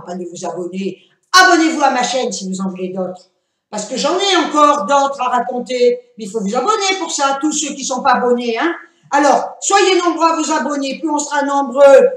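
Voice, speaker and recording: A middle-aged woman with a Pied-Noir French accent tells a story to camera in a chatty, theatrical way, dropping "hein" into nearly every sentence. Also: high voice. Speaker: storytelling vlogger. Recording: echoey room.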